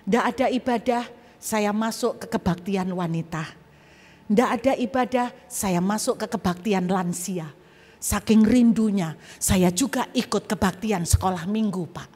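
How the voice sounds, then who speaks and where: A woman's voice: medium pitch, a little slow, darkish tone. A woman pastor giving a testimony sermon in a church auditorium, telling her story animatedly with sound effects and asides to the congregation. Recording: reverberant church hall.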